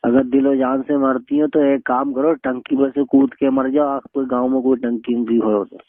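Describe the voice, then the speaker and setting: Heard through a tinny phone line, the young man who answered the call, from northern India, argues in a blunt, scolding way. He speaks at a moderate pace in a medium pitch with little pitch movement.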